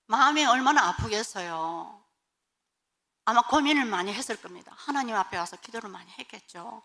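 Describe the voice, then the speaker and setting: Lively, bright-voiced woman telling a testimony. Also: fairly high pitch, fairly quick. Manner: animated storytelling, acting out dialogue. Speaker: pastor's wife giving testimony. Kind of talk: church testimony. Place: church.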